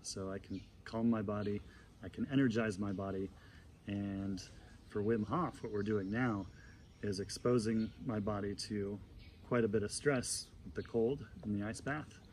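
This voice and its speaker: A man's voice: on the low side, steady tone, unhurried, darkish tone. A man in his forties explains things casually, like a coach, while sitting immersed in ice-cold water outdoors. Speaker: breathwork and ice bath coach. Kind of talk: casual explanatory talk to camera. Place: outdoor garden, in an ice tub. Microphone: camera a couple of metres away. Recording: outdoor noise with birdsong.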